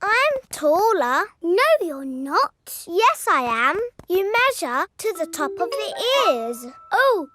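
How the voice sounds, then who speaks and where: A performer playing an excitable little animal child in a children's cartoon, with music behind. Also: very high-pitched, takes it slowly, hardly any pauses, exaggerated voice. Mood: excited, curious. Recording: music bed behind voices.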